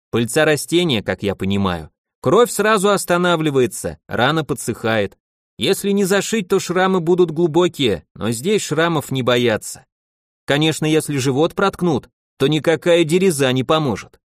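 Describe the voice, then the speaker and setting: A man voicing a weary older healer who talks in a low, tired, sighing way. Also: no room sound, clean studio sound, natural voice.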